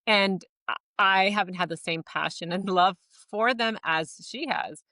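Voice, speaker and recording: A woman co-hosting a casual podcast, telling stories in an animated way, laughing often and acting out lines. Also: medium pitch, measured pace, no echo, studio quality. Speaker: podcast co-host.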